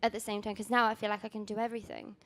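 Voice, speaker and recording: Very fast and level, her mid-range voice a bit bright, a young Welsh woman presents her magazine at a panel. She's in her twenties, speaks Welsh natively, and rambles casually with plenty of ums and self-corrections.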